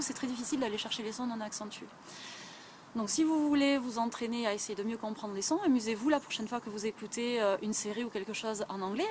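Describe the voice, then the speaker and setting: A woman's voice: fairly high pitch, a little hiss or hum. A woman from southwest France with a southwestern French accent, explaining English listening skills in a chatty video lesson full of fillers. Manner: chatty, many fillers like "euh" and "ben". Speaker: English teacher.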